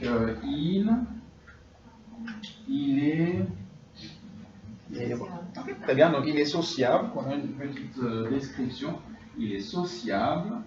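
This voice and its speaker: A man teaches a class at an unhurried pace, drilling students and checking in with them often. He is heard from across an echoey classroom. The recording is dull and carries steady background noise. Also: on the high side, far from the mic. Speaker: French teacher. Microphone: distant room mic.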